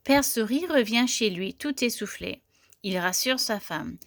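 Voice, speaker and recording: A woman reading a children's story aloud in a clear, gentle storytelling manner. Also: fairly high pitch, lively intonation, measured pace, a little hiss or hum.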